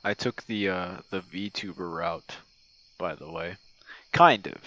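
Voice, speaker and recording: Crickets and night insects chirp behind a man recording a relaxed ASMR-style message to a friend, his speech rambling and hesitant. He is a content creator with a low-pitched, sharp-toned voice and a slow pace. The audio is poor.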